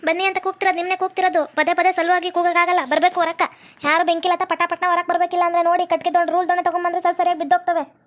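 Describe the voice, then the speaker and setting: A woman's voice: extremely high pitch, level tone, a bit bright. A woman doing a scolding female police officer. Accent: North Karnataka Kannada. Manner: scolding, threatening, rapid.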